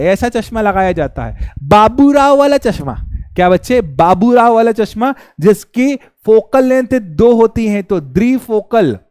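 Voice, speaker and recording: A man's voice: high voice, a little mellow, dry recording, studio quality. A male teacher giving a live online class in a chatty, informal way, constantly quizzing the students and repeating key terms.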